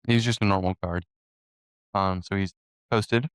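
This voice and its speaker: A man runs a tabletop game as game master, taking his time and dropping in frequent "um"s. His voice sits low and comes through smooth and resonant, with a dry, close sound and no room around it. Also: steady tone, no room sound. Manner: unhurried, with frequent "um" fillers.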